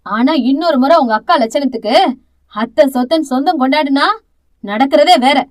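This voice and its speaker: A woman's voice: sits high, expressive, fairly quick. A woman voicing a fierce, domineering middle-aged aunt who scolds with harsh contempt, in an audio novel. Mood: harsh scolding.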